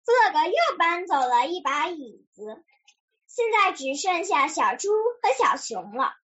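A woman reading a children's story aloud in a slow, expressive way. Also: high voice, highs cut off.

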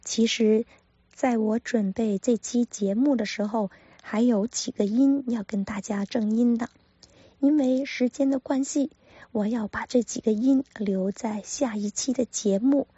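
A woman teaching pronunciation in a careful manner, repeating each sound slowly for practice. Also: a little high, steady tone, dark tone, breathy edge, dry recording, dull audio. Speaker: language teacher. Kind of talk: pronunciation lesson.

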